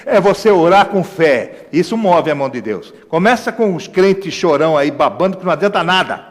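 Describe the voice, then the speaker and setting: Brazilian pastor preaching, high lively voice, lots of questions to the crowd, big church echo. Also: male voice, moderate pace. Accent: Brazilian Portuguese. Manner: emphatic preaching with rhetorical questions and asides to the congregation. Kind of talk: sermon. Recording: echoey church hall reverb.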